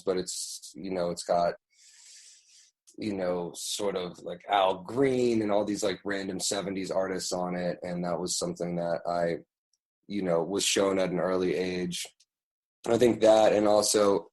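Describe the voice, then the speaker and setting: A man in his thirties from New York, answering interview questions in an unhurried way with lots of "you know" and pauses. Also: low voice, rough recording. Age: 30s. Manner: relaxed, unhurried, full of fillers like "you know". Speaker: guest, music producer. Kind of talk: casual interview.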